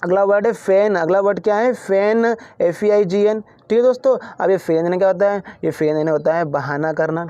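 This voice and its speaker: A man with a high voice teaches English vocabulary, repeating each word and asking it back like a drill. The recording is dry and a little dull, with no room sound. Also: normal speed, hardly any pauses, warm tone, dry recording. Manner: repeats each word with call-and-response questions. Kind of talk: Hindi-language English vocabulary lesson.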